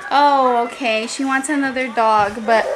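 A woman's voice: on the high side, steady tone, a little slow, noisy background. A young adult woman chatting casually to camera as a family vlogger, recorded on a phone held at arm's length. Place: home living room, later inside a car at night.

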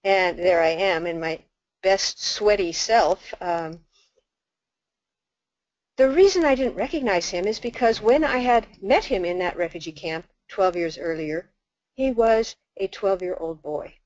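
An older woman, a nun, telling a story in a talk as an animated storyteller who acts out the dialogue. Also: mid-range voice, measured pace, dry recording. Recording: dull lo-fi dry recording.

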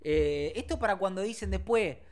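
Argentine dude hosting a stream from his room, goofy storytelling, yells sound effects. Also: sits high, expressive, moderate pace. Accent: Argentine Spanish. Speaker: streamer host. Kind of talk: casual livestream chat. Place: home bedroom.

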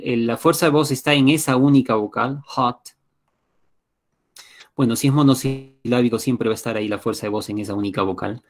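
A male teacher with a Peruvian Spanish accent runs a live online lesson through a computer mic. He explains step by step in a patient way and keeps stopping to check that his students follow. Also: mid-range voice. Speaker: English teacher.

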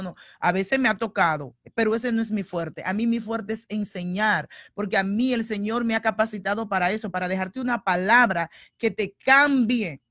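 A woman pastor delivers a teaching sermon in a lively, conversational way. She drops into quick little voices to act out what people say. Her voice sits mid-pitch, recorded dry and close. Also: dry recording. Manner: animated, conversational, acts out quoted voices.

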